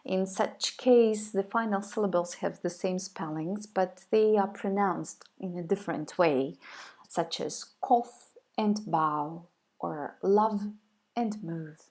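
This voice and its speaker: A woman's voice: medium pitch, slow pace, darkish tone. A woman giving a recorded video lecture, hesitant, with many fillers and restarts.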